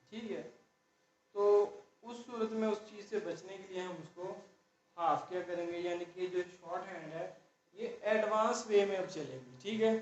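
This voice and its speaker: A man with a high voice teaches a shorthand class, slowly walking the students through each rule. He is heard from a distance in a very echoey room. The recording is dull and carries a faint hiss. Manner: slow, explaining step by step, repeating "ठीक है" often. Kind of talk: classroom lesson.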